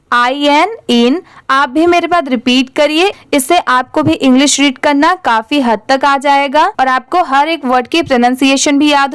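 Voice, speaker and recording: A woman's voice: high voice, no room sound. A young woman teaching English reading, spelling each word out letter by letter and then asking and answering how to say it.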